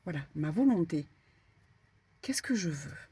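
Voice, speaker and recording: A woman medium giving a casual spiritual card reading, talking in an animated, stumbling way with many fillers. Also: low voice, measured pace, husky, no echo. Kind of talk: spiritual guidance talk, casual.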